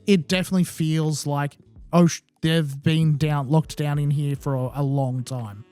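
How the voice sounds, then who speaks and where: A man's voice: a little high, fairly even intonation, normal speed, mellow, no echo, faint music behind. A man co-hosting a casual gaming podcast, chatty and exasperated, with some swearing. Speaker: podcast co-host.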